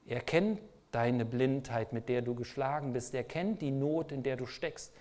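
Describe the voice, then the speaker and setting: A man's voice: medium pitch, unhurried, a little mellow. A man preaching a sermon, speaking emphatically and asking the listeners repeated rhetorical questions.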